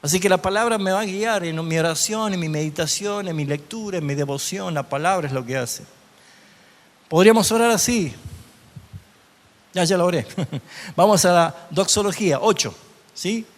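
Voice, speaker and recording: A man's voice: high voice, normal speed, pauses often. A man teaching a Bible class as a pastor, often asking his listeners questions. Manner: asks the audience rhetorical questions. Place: church hall. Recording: long hall reverb.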